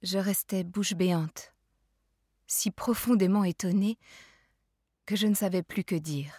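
Calm woman reading a novel. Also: medium pitch, dry recording, studio quality. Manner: calm, measured narration. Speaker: narrator.

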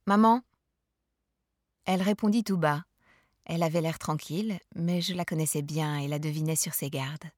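A woman narrating a novel in a calm, measured literary reading. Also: low voice, no echo, studio quality.

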